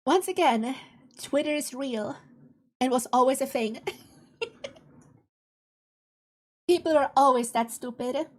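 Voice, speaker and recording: High-voiced woman streamer, blunt and slangy. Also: slow pace, pauses often, a little mellow. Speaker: streamer reacting to a video. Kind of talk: casual reaction commentary.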